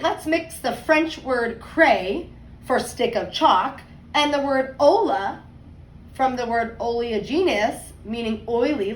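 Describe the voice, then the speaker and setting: A second grade teacher with a higher-pitched voice reads a picture book aloud to young children, telling the story expressively and deliberately, emphasizing words and adding conversational, explanatory asides. The recording is roomy and echoey, from a distant mic, with faint noise.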